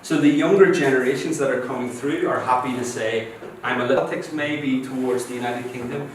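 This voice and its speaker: A man's voice: mid-range voice, fairly even intonation, brisk, slight background noise. Man lecturing in an echoey hall. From Northern Ireland. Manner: explanatory, checks in with listeners. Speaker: guest lecturer. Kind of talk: university lecture. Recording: very echoey hall, distant mic, faint ambience.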